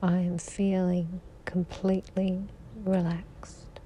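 A woman guiding a sleep meditation in a slow, soothing voice that drifts into whispers. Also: fairly low pitch, flat delivery, dark tone, a little hiss or hum. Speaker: sleep hypnosis guide.

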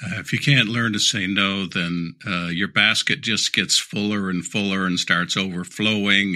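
Middle aged guy, super bright voice, frank and a bit sarcastic, stumbles and restarts a lot. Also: fairly low pitch. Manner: candid, dryly sarcastic, repeats words when restarting. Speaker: leadership speaker and guest. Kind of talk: conversational interview answers.

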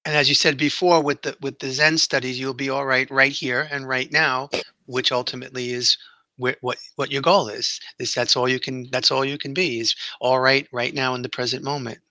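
A man hosting a podcast interview, speaking in a measured, agreeable, thoughtful way. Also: mid-range voice, little pitch movement, pushed and bright, no echo. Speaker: podcast host.

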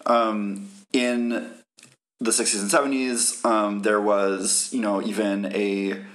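Speaking slowly and flatly, a man with a lowish, slightly bright voice co-hosts a podcast over a rough recording. He gives a lengthy, casual rundown of political background, riddled with "like"s and "um"s.

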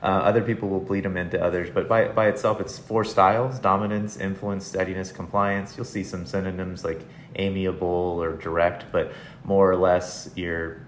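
Low voiced guy explaining stuff casually on a podcast, echoey room, bit of background noise. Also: little pitch movement, normal speed. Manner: informal, plain-spoken. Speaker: podcast guest, behavioral assessment expert. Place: home dining room. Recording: roomy echo, faint room noise.

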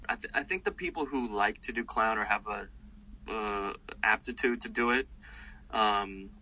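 Man, comedian guest, very bright tone, lowish voice, rambling chat. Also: moderate pace, low-quality recording. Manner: rambling and animated, with many fillers. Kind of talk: casual interview talk.

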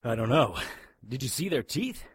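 A man's voice: medium pitch, very animated, moderate pace, husky, no room sound. A man playing a blunt, sardonic, urgent leader of frightened survivors in an audio drama. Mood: tense, guarded.

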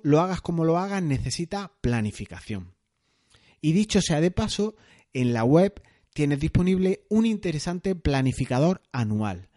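Man hosting a podcast, mellow voice. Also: on the high side. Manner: explanatory, conversational, with occasional fillers. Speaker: podcast host. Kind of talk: solo productivity podcast.

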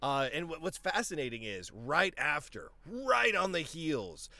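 A man with a fairly high voice hosts a casual political commentary podcast, speaking a little slowly and animatedly with frequent restarts. A tickle in his throat makes him cough now and then, and there is no room sound on the recording.

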